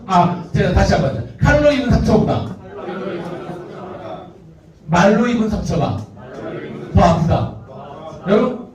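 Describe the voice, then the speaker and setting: A male pastor giving a youth sermon, lively, acting out the nagging and taunting voices of others. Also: high-pitched, recorded from a distance. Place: church hall. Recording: echoey hall, muffled from afar.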